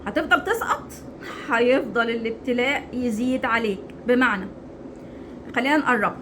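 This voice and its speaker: A woman's voice: on the high side, moderate pace, background noise. A woman with an Egyptian Arabic accent giving an informal religious talk, earnest and conversational, with frequent restarts. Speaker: religious speaker.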